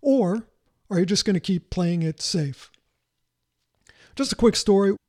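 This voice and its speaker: A man's voice: high-pitched, animated, unhurried, a little mellow. A man who coaches salespeople, giving a motivational talk with rhetorical questions and a story from his own career.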